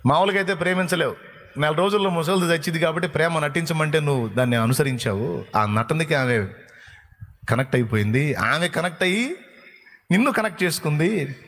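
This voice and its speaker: A man's voice: fairly high pitch, a bit bright, a little hiss or hum. Man telling a folksy sermon story. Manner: folksy, vivid storytelling with emphatic lines. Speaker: preacher.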